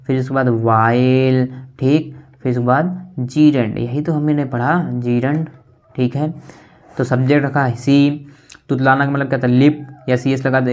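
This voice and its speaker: A man teaches spoken English in a plain lesson. He asks questions and answers them himself. He slows down to spell out each new word letter by letter. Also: mid-range voice, darkish tone.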